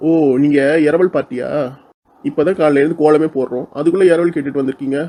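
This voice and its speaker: A man playing a sharp-tongued young woman who mocks and picks fights in a comic village skit. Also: fairly high pitch, steady tone, fast, natural voice. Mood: mocking. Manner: mocking, insolent, picks fights.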